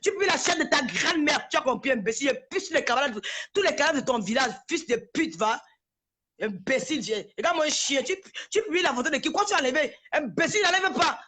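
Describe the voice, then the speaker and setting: A woman, ranting live and trading insults with her critics. Her voice sits high and sounds bright and sharp, and she runs on in a heated, confrontational tone. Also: animated, fast. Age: 40s. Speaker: social media personality. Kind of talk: live-stream rant.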